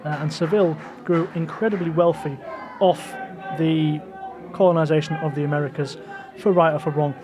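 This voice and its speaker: A man's voice: a little high, steady tone, normal speed, music in the background. A man hosting a walking tour outdoors on a city street, talking in a chatty, digressive way full of fillers. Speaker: podcast host and tour guide.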